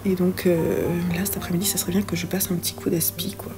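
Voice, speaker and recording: Chatty French woman with soft music. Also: on the low side, little pitch movement, quick pace. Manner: chatty, hesitant with many fillers. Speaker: book vlogger. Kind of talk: casual reading-vlog chat. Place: home.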